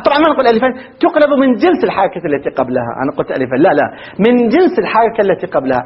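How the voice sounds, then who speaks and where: A male teacher lectures his class, firing rhetorical questions at the students and reciting word forms one after another. His voice sits high and swings widely in pitch. The recording is dull and lo-fi. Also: sing-song, rapid-fire. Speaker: grammar teacher.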